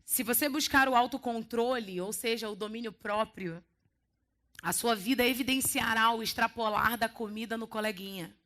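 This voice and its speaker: A woman with a Brazilian Portuguese accent preaching a sermon in a church, telling stories in a lively way with playful quoted voices. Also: on the high side, normal speed. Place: church hall.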